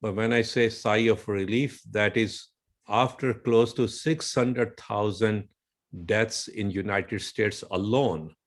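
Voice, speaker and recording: Man, indian english accent, physician interview guest, very slow deliberate speech, measured tone. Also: fairly low pitch, steady tone. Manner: slow, measured, citing figures.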